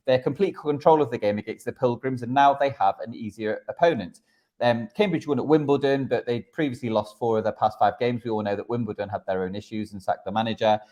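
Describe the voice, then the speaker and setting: Male football podcast tipster, mid-pitched voice, chatty analytical delivery with stammered repeats. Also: fast talker, a little mellow. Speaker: football betting podcast host giving tips. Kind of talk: conversational sports tipping and analysis.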